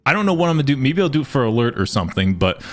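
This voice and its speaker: Very animated man chatting casually. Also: mid-range voice, rapid-fire, faint music behind. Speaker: streamer. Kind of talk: casual reaction chat.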